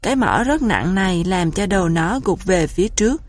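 A woman reading a children's storybook aloud in a calm, even narration. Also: medium pitch, normal speed, no echo. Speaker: audiobook narrator.

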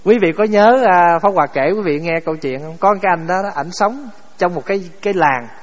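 A monk preaches a Buddhist sermon in a fairly high voice. He keeps putting questions to his audience and answering them himself. His voice echoes through a dull-sounding hall. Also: expressive, a little fast. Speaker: Buddhist monk giving a dharma talk.

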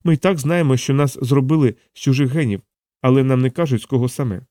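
A man's voice: medium pitch, fast, dark tone, no echo, studio quality, voice pushed up, natural voice. A man voicing a blunt, fierce young woman soldier who talks in terse, clipped lines. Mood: insistent.

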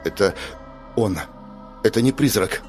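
Испуганный молодой мужчина в исполнении мужчины, приглушённая речь, музыка на фоне. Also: male voice, lowish voice, unhurried, faint music behind, lightly acted. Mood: shaken. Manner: breathless, hushed. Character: shaken young man, quiet and weakened.

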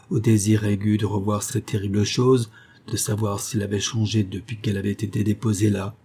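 A man reads a gothic tale aloud in a low, dark voice with a husky grain. His delivery is measured narration for an audiobook.

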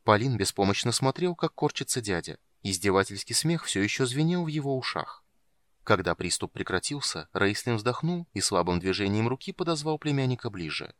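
A man with a lowish voice reads fantasy narration in a steady, measured way. The sound is close and dry, with no room echo. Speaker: audiobook narrator.

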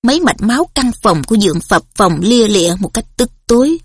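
A woman's voice: a little high, big pitch swings, brisk, husky, no echo, studio quality. A woman doing a blustering hot-tempered father. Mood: angry. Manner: bellowing, threatening.

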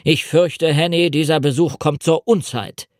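A man's voice: a little high, steady tone, a little slow, no room sound, clean studio sound, close to an everyday voice. A man reading the part of a stiff, reserved senior official.

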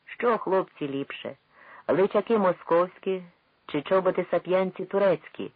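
Man doing a sly old Cossack chief, commanding, raised husky voice, phone-thin audio. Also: high voice, normal speed, dry recording, pitched above the performer's own voice. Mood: rousing. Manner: commanding, folksy questioning. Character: shrewd old Cossack leader with a mighty voice. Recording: tinny phone-like dry sound.

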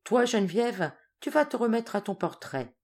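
A woman reading the part of a brisk, teasing older woman cousin in a storybook. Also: fairly high pitch, very animated, a little mellow, voice pushed up.

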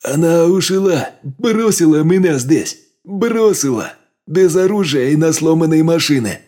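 A man's voice: a little high, expressive, a little slow, dark tone, voice pushed up. A man voicing a frightened, spiteful male traitor with a foreign accent, trembling and whining in an audiobook. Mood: whining bitter. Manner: trembling, whining then lashing out. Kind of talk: audiobook character voice.

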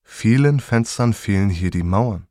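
A man reading literary prose in a calm, unhurried way. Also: fairly low pitch, no echo, clean studio sound.

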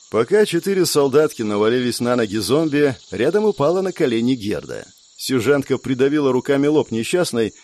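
A man narrating an audiobook in expressive storytelling style. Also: mid-range voice.

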